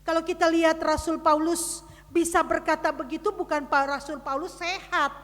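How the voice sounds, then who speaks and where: High, bright-voiced woman preaching in a church. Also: level tone, normal speed, in a large hall. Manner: dramatic storytelling with big swings in loudness; addresses the congregation directly. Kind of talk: sermon. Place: church service.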